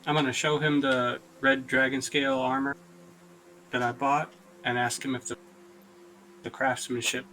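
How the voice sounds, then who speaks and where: A man playing a tabletop game over an online call, his voice quiet and cutting in and out as the connection drops. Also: mid-range voice, flat delivery, moderate pace, pauses often, a little hiss or hum, poor audio.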